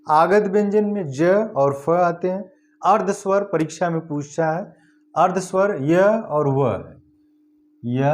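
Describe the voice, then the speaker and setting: A male teacher giving an exam-prep lesson, slowly sounding out each letter one by one. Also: a little high, a little mellow. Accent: Hindi-speaking north Indian.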